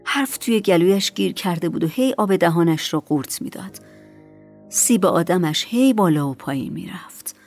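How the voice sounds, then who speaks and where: A woman reads an audiobook in a low, soft voice that keeps slipping into near-whispers. Faint music plays beneath her. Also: lively intonation. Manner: soft, often hushed and whispery. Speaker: audiobook narrator. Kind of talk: scripted narration.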